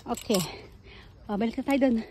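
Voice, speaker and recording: Lady vlogging her dog walk on her phone, kinda high voice, chatty, a bit winded, faint outdoor noise behind. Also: fairly even intonation, normal speed. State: out of breath. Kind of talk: casual walking vlog, talking to camera. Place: outdoor garden and dog run on a hillside.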